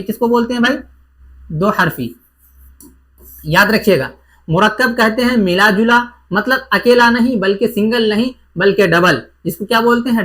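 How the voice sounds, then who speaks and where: A man's voice: high-pitched, pushed and bright. A man teaching an exam-prep grammar lesson, who repeats each point and asks and answers his own questions.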